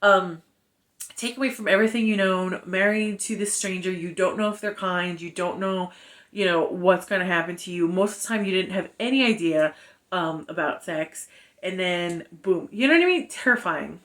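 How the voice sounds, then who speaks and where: A young adult woman giving a casual book review, retelling the story in an animated, chatty way full of fillers. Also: lowish voice, normal speed.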